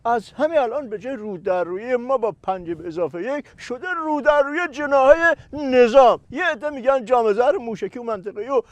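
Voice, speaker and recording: A man's voice: very high-pitched, animated, few pauses, no room sound. A man hosting a scripted political satire sketch, asking playful, needling questions. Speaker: satire show host.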